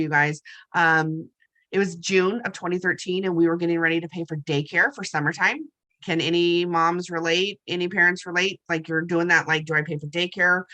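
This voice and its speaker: Bright, forceful woman giving a pep talk. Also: lowish voice. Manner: chatty and emphatic, keeps addressing listeners as "you guys". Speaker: network marketing distributor. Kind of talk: motivational testimonial talk.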